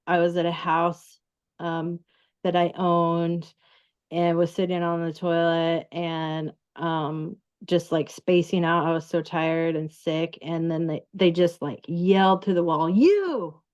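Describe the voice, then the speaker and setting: A woman talking casually as a guest, halting with many fillers and restarts. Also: fairly low pitch, flat delivery, clean tone, lo-fi sound. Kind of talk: casual recorded conversation.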